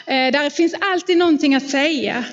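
Woman preacher, high voice, chatty storytelling sermon, long church reverb, muffled lo-fi sound. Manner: warm personal storytelling, conversational. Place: church hall.

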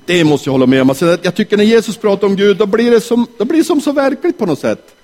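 Animated man telling a story to children, high and swooping voice. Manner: animated, asks the audience questions. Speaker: children's talk leader.

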